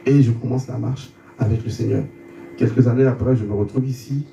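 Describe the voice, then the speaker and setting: A man's voice: mid-range voice, steady tone, a little fast, gravelly, mellow. A man from Côte d'Ivoire, giving a testimony as an interview guest. He tells his story with stumbling repeated words and acts out the dialogue in it. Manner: stumbling repetitions, re-enacting dialogue. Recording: roomy sound, distant mic, faint background hum.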